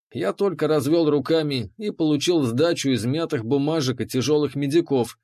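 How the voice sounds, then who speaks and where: A man narrating an audiobook in the first person, measured and dryly ironic. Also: fairly high pitch, darkish tone.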